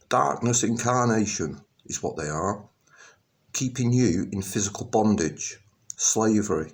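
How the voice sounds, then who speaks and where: A middle-aged man from England, a vlogger, speaks to camera on the low side with a darkish tone, rambling through a personal monologue. He hesitates with ums and restarts, then suddenly speaks out emphatically.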